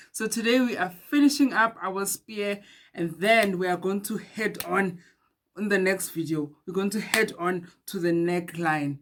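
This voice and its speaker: A woman's voice: medium pitch, fairly bright tone. A woman hosting a casual beadwork tutorial, chatty and laughing at herself now and then. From Eswatini. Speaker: beading tutorial host.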